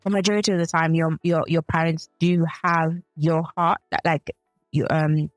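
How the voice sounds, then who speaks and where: Low-pitched and flat in delivery, a woman from Zambia speaks at a moderate pace in a dry recording with soft music underneath. Co-hosting a faith and relationships podcast, she chats casually but thoughtfully, frequently correcting herself and starting over.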